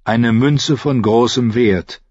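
A man voicing a calm, mysterious foreign assassin in an audiobook, speaking slowly and formally about himself in the third person. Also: mid-range voice, husky, no room sound, dull audio. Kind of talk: audiobook character voice.

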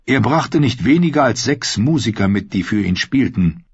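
A man reading an audiobook in a measured, unhurried way, with a husky voice. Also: mid-range voice, expressive, no echo. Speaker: audiobook narrator. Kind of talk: scripted narration. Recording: dull, dry lo-fi audio.

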